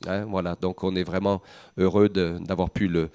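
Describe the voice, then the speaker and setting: Low-voiced pastor guy introducing the guest, plain and welcoming. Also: little pitch movement, moderate pace, darkish tone, smooth.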